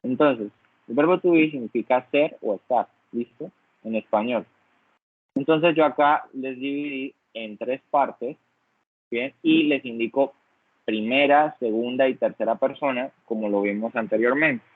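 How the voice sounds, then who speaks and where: A man's voice: medium pitch, unhurried, no echo. A man teaching an English lesson online, patiently explaining step by step and checking in constantly. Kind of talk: online class lecture. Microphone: computer mic on a video call. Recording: dry, phone-like online call audio.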